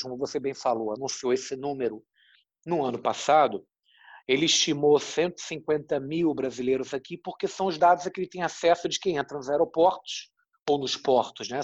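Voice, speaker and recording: A Brazilian man from Rio de Janeiro, a journalist with a husky voice, explaining his views at length in an interview. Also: a little high, a little mellow, dry recording, highs cut off. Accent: Rio de Janeiro Brazilian Portuguese. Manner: explanatory, thoughtful, frequent "né?" tags. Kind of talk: interview answers.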